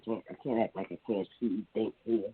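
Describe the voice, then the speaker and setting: This is a man phoning in to a talk show, and all that comes through is a muffled, bass-only murmur. His voice sits low and husky, tinny and dry down the line, and he rambles in half-finished mumbles. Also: steady tone, fairly quick, no room sound. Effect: muffled, bass-heavy phone line. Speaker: caller. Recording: muffled tinny phone line, far from mic.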